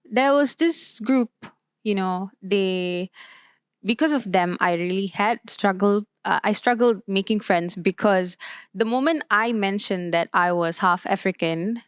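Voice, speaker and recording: A young woman from Malaysia, speaking casually as a panel guest and often filling pauses with "like". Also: mid-range voice, clear, resonant tone, no echo, clean studio sound. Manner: chatty, frequent filler "like", restarts.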